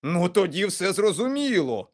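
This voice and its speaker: A man voicing an excitable, teasing male inventor in a storybook, boisterous and proud of his gadget. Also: high-pitched, moderate pace, pitched above the performer's own voice. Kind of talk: storybook character voice.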